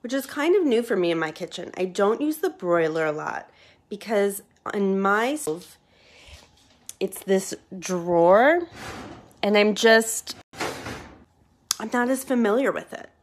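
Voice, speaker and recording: With long pauses and an unhurried rhythm, a woman speaks in an animated mid-range voice as she shoots a cooking vlog on a handheld phone. She's an enthusiastic home cook chatting casually in her kitchen.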